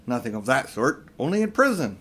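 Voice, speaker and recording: A pompous old magician uncle, as a male reader puts him on for a storybook. He is grandiose and condescending, talking down to others in a lively, swinging pitch. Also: fairly quick. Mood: confiding. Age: older.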